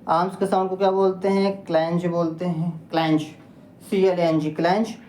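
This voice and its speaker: A woman's voice: fairly low pitch, flat delivery, normal speed, dark tone. A woman teaching English vocabulary in a patient lesson, spelling words out letter by letter and quizzing her listeners. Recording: echoey room with faint noise.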